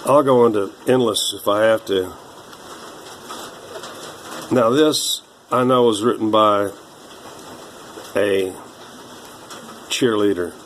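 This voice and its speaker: A man in his sixties, rambling slowly through old papers, halting with many fillers. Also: lowish voice, a little hiss or hum, poor audio. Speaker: vlogger.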